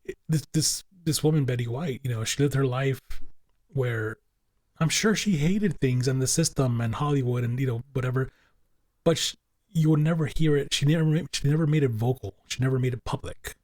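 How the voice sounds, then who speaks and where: A man's voice: medium pitch, a little fast, darkish tone, no echo. A man co-hosting a casual podcast, rambling and filling his talk with "you know" and repeated words. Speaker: podcast co-host.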